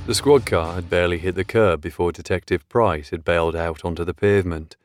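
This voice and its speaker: A man reading a crime thriller audiobook in a measured, steady way. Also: deep voice, soft background music. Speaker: audiobook narrator. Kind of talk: scripted audiobook narration.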